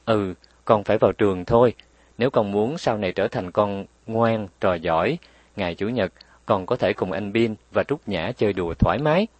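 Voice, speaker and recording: A man voicing a tender but firm mother who explains patiently and scolds gently, in a raised voice. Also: on the low side, normal speed, no room sound, natural voice.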